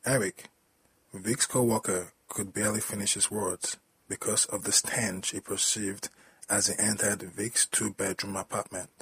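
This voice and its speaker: A man reading a story aloud in a plain, steady storytelling manner. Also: lowish voice, measured pace, husky, low-quality recording. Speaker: story narrator.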